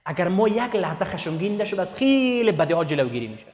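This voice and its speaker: A preacher delivers a sermon in a high, carrying voice, hammering his points home with emphatic repetition. His pitch swings widely and rises whenever he stresses something, his tone is darkish, and the recording rings with the long reverb of a large hall.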